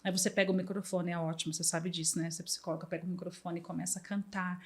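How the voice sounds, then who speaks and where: A woman's voice: lowish voice, very fast. A woman from Brazil, chatting as an interview guest about music therapy, sometimes singing and acting out bits of children's songs. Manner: lively, sings and acts out snatches of children's songs. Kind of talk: casual interview chat.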